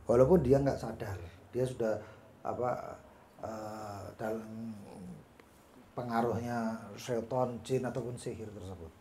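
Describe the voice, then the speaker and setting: A male preacher tells a story during a study session and breaks it up with lively asides. His voice sits at a middle pitch. The room is echoey, with faint noise behind. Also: measured pace, long pauses. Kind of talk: religious study sermon.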